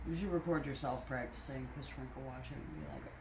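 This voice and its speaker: A woman's voice: a bass voice, fast talker. A woman chatting casually and enthusiastically in a home haul vlog, bubbly and jokey. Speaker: vlogger. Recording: roomy with light background noise.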